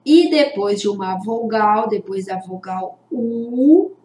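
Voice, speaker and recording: A woman teacher giving a children's literacy lesson, drawing out syllables slowly and deliberately. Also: medium pitch, expressive, warm tone. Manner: slow, deliberate, stretches out syllables for young learners. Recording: echoey room.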